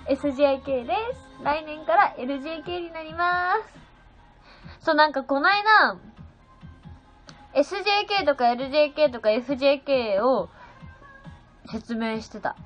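At normal speed and with long pauses, a seventeen-year-old girl chats on a phone livestream in a high-pitched, fairly bright voice. She reads viewer comments and bubbly thanks them one at a time. Faint music accompanies slightly dull audio.

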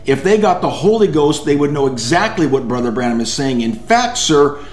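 An actor playing a stern, indignant pastor who speaks in a cutting, scornful way. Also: male voice, fairly high pitch, very animated, normal speed. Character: stern indignant middle-aged male pastor. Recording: echoey room with music.

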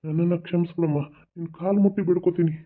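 A man's voice: high voice, fairly even intonation, fast talker, close to an everyday voice. A man voicing a repentant middle-aged father-in-law in a cartoon, begging forgiveness. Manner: pleading, remorseful. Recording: tinny phone-like recording.

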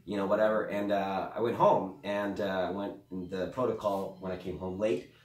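A young man with a low voice tells a rambling story in a dry, deadpan way, then breaks into loud bursts. He sounds set back from the mic in an echoey room. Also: moderate pace. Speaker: guest comedian. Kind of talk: casual storytelling chat. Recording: roomy sound from a distant mic.

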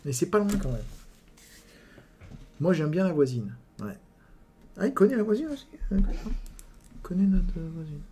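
A man's voice: sits high, animated, normal speed, long pauses, dark tone. A man giving a casual live miniature painting tutorial. He jokes, swears freely and talks to his viewers while he paints, often trailing off mid-sentence. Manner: joking, chatty, swears freely.

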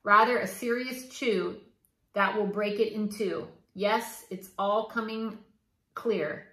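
A woman's voice: medium pitch, takes it slowly, bright, forceful tone. A woman reading aloud and voicing a scheming, vengeful male rat in whispered role-play, in a roomy echo. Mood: gloating. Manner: whispered, gloating.

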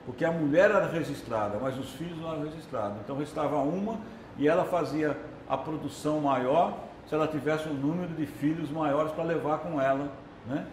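Brazilian male filmmaker, relaxed lecture delivery, fairly high voice, reverberant room. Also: brisk, a little hiss or hum. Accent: Brazilian Portuguese. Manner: chatty, keeps tagging "né?" and "entendeu?". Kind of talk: conversational video lecture.

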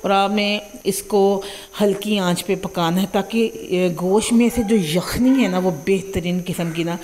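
In her home kitchen, a young Punjabi-accented cooking channel host walks through a recipe chattily, frequently asking "theek hai ji". Her medium-pitched voice is darkish, fairly even in intonation, and a little slow.

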